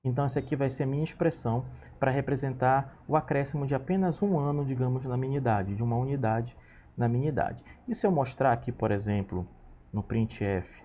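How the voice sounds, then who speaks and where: In a screen-recorded coding lesson, a man in his thirties patiently walks students through each programming step and checks in with them. His mid-range voice is mellow and a little fast, with a little hiss or hum in the audio.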